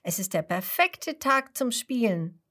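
A woman's voice: a little high, sing-song, a little slow, fairly bright tone, exaggerated voice. A woman voicing an eager young grasshopper girl in a children's story, encouraging.

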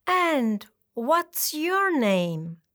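A woman doing a slow, friendly princess. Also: high-pitched, very animated, pushed and bright, no room sound, clean studio sound, pitched above the performer's own voice, exaggerated voice. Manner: very slow, careful English phrases.

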